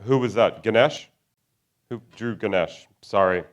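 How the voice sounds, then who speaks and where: A man's voice: mid-range voice, normal speed, lo-fi sound. A man emceeing a conference prize giveaway, joking and urging people into the room. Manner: playful, jokey pirate talk. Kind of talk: live event hosting, joking between prize draws. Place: conference theater.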